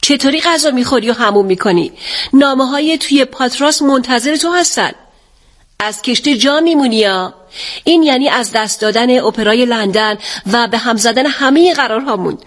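Sharp-tongued young daughter, read by a woman, brusque and impatient, for an audiobook. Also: on the high side, pitched above the performer's own voice, close to an everyday voice. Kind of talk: audiobook reading.

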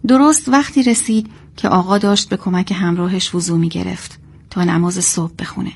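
Woman narrator, mid-pitched, earnest storytelling tone. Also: darkish tone, husky.

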